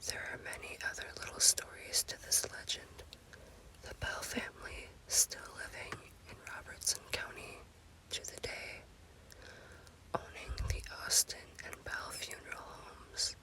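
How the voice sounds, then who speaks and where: In a rough recording, a female ASMR host whispers a creepy tale, her unvoiced, airy delivery paced slowly and deliberately.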